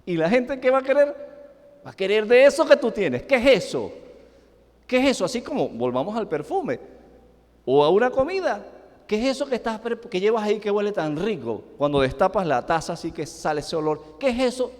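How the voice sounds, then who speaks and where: A man's voice: high voice, big pitch swings, fairly quick, darkish tone. A middle-aged man with a Venezuelan accent preaching a sermon in a church, emphatic and full of rhetorical questions. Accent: Venezuelan Spanish. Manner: emphatic, rising and falling sharply, with rhetorical questions. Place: church sanctuary. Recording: echoing church hall.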